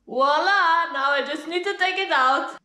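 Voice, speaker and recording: A Slovenian woman whose native language is Slovene chats her way through her chores in casual English, narrating her own home projects like a vlogger and exclaiming often. Her voice is extremely high, bright and pushed, and she keeps a measured pace.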